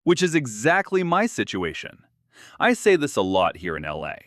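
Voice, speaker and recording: Co-hosting a podcast for English learners, a British man from London spins dry, playful stories with lively humor. He speaks at a normal speed in a medium pitch, with no audible room acoustics.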